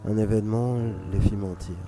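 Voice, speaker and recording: A man reading a scripted dramatic story for radio in a measured, solemn, literary way. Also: lowish voice, steady tone, warm tone. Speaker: narrator. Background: music under the voice.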